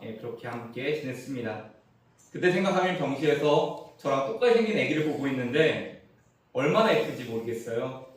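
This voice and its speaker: A middle-aged male pastor preaches in a church sanctuary, his fairly high voice rising and falling in lively swings. He jokes through a family story, dropping to hushed asides and then pushing out emphatic punchlines. The sound is heavily echoey and picked up from some distance. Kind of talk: sermon. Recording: roomy church echo, mic at a distance.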